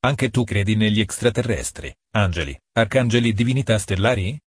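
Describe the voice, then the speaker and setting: A man's voice: lowish voice, fairly quick, husky, no room sound, clean studio sound. A man reading the lines of an exasperated young woman who scolds her boyfriend sarcastically, in an audiobook. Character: irritated young woman, a shrill scolding girlfriend.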